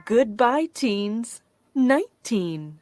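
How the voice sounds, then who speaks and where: Lady doing bingo caller thing, super slow short calls w rhymes, loud music going. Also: a little high, very animated. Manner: slow, deliberate announcing in short separated calls. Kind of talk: bingo calling with rhyming number nicknames.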